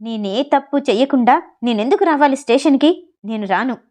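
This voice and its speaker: A woman's voice: sits high, expressive, normal speed, darkish tone. A woman voicing a young male groom who pleads earnestly, in a storybook reading. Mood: defiant.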